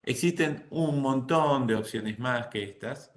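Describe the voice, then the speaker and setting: A man's voice: mid-range voice, slow pace. A middle-aged man lecturing a boating class, explaining patiently and often checking in with his listeners. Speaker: nautical course instructor. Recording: roomy echo.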